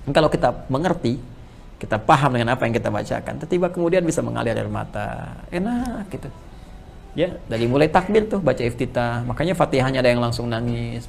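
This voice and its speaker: A male preacher talks quickly in a gravelly voice. His teaching rises loud and emphatic, then sinks into hushed, prayerful recitation. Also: mid-range voice. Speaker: Islamic preacher. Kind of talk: sermon answering a question.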